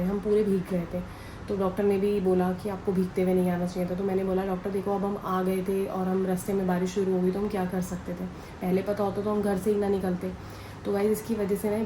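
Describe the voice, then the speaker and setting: Young woman vlogger, chatty and rambling, noisy room. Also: medium pitch. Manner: chatty, rambling, talks straight to viewers. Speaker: family vlogger. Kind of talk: casual vlog chat to viewers. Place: home.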